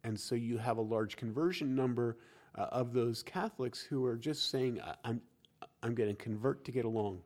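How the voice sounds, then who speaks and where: A man's voice: mid-range voice, moderate pace, darkish tone. A man explaining church history in a casual conversational discussion, lecturing with frequent restarts.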